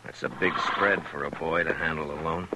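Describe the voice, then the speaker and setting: An American actor playing a gruff but kindly middle-aged frontier marshal in a 1950s radio western. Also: male voice, rumbling low, fairly even intonation, normal speed, heavy background noise. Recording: vintage radio recording, music behind.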